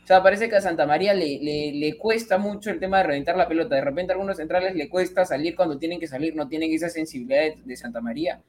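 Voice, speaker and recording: A man's voice: a little high, quick pace, few pauses, a little hiss or hum. A man giving long, rambling football analysis on a casual stream. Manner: rambling, repeats himself while arguing his point. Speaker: football pundit.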